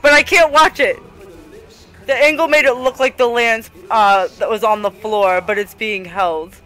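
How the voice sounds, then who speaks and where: A woman streaming a game and chatting with friends over voice chat, laughing often and getting excited. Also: a little high, measured pace, soft background music, rough recording. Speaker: streamer hosting a group game session.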